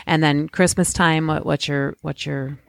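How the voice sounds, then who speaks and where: A woman's voice: sits low, fairly even intonation, measured pace, gravelly, no echo, clean studio sound. A woman co-hosting a podcast in casual chat, telling stories with chatty restarts and trailing sentences. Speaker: podcast co-host.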